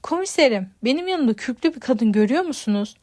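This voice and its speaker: A woman's voice: sits high, expressive, quick pace, a little mellow, dry recording, studio quality. A woman voicing a sarcastic, exasperated young woman held in a police cell in an audiobook.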